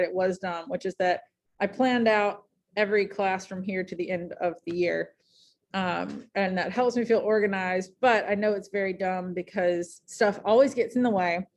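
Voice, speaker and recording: A woman teaching a high school English class in a casual, chatty way, full of ums and likes, speaking in a classroom. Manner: chatty, many fillers like um and like.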